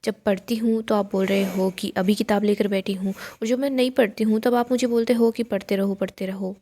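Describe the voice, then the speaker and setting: A woman's voice: mid-range voice, steady tone, fairly quick, mellow, close to an everyday voice. A woman voicing a young daughter, an earnest and determined girl, in a pleading, earnest way.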